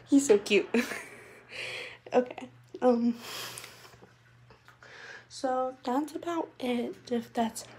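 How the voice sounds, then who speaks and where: A woman's voice: high-pitched, drawn-out words, pauses often, dark tone, slight background noise. A young woman chatting casually in a pet vlog from her messy bedroom, a bit out of breath and unwell, rambling with lots of fillers. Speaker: vlogger.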